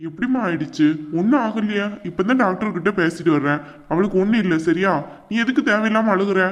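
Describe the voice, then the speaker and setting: A fast-talking indignant brother, voiced by a woman. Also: mid-range voice, close to an everyday voice. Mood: concerned. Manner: indignant, rapid. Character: concerned adult brother, quick to anger. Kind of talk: cartoon voice acting.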